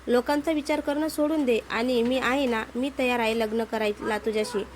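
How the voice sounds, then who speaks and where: A woman's voice: a little high, steady tone, normal speed, slight background noise, lightly acted. A woman voicing a confident young male office boss who coaxes and insists. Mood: persuasive. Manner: coaxing, insistent.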